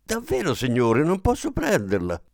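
A man voicing a young maid in an audiobook, speaking high and sharp, with a bitter edge. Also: animated, normal speed, creaky, clear, resonant tone, no room sound, clean studio sound. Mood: shrill. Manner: high-pitched, cries out. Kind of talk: audiobook character reading.

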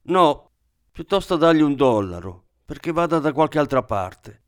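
Tense, insistent shopkeeper's wife put on by a male narrator in a storybook reading, higher and sharper. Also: sing-song, a little slow, clean tone, dry recording, clean studio sound. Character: anxious sharp-tongued older shopkeeper's wife.

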